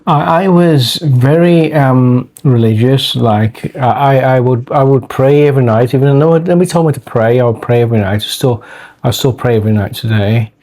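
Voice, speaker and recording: Man, Birmingham accent, middle pitch, halting, self-correcting, casual vlog chat. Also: a little mellow. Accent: Birmingham English. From England. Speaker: vlog co-host.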